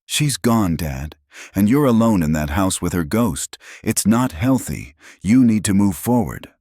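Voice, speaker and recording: A man's voice: sits low, animated, moderate pace, a little mellow, no room sound. A man voicing a pushy, resentful grown daughter who pressures her father, in a dry close recording. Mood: pushy, upset. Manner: insistent, pressuring.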